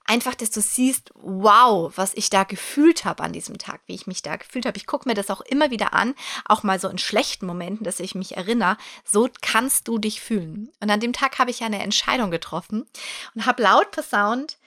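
A woman in her forties hosts her own podcast with a mid-range voice. She talks straight to the listener in an animated, encouraging monologue. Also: mid-range voice, normal speed. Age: 40s. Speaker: podcast host. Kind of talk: personal motivational monologue.

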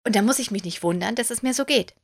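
Expressive German woman podcasting solo. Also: a little high, fast talker. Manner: chatty and expressive, acts out her own thoughts in quoted asides. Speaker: podcast host; photographer and coach. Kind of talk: casual solo podcast monologue.

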